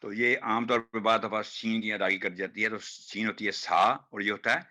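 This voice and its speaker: A man teaching Quran recitation, demonstrating hard words slowly and repeating each one. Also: lowish voice, fairly even intonation, pushed and bright. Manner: slow, drawn-out demonstration of each word, repeated. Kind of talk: online pronunciation class.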